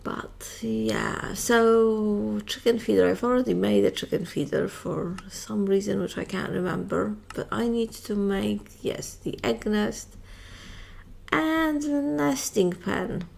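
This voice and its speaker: Tired gamer woman, really creaky gravelly voice, rambly chatty let's-play talk. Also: mid-range voice, slow pace, a little mellow. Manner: chatty, self-mocking, rambling with fillers. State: tired, yawning. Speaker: Minecraft modpack let's-player. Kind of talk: casual gameplay commentary.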